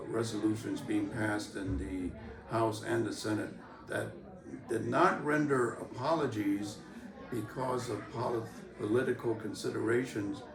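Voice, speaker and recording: An older man from San Francisco speaking in an interview, measured and halting with many pauses and fillers. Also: fairly low pitch. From San Francisco, USA. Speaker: interviewee, longtime organization member. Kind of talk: recorded interview. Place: convention venue, crowd behind. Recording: roomy, from a distance.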